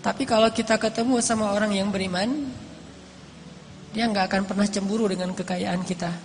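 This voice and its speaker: A man giving a sermon in casual, conversational storytelling, rising to emphatic peaks and dropping to hushed, slow lines. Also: high-pitched, steady tone. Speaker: preacher. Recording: lecture hall with long reverb and faint noise.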